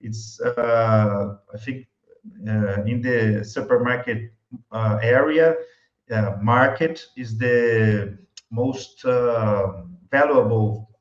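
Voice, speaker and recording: Here a wine YouTube creator from Brazil, whose first language is Portuguese, talks casually as an interview guest in English with a Brazilian Portuguese accent. His medium-pitched delivery is halting as he gropes for words, often breaking into chuckles. Room echo and muffling color the recording.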